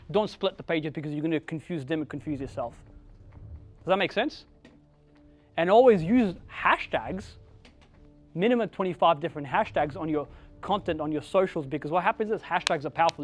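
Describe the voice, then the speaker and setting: A man with an Australian accent giving a blunt, profane motivational talk to an audience, barking emphatic commands. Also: a little high. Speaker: keynote speaker.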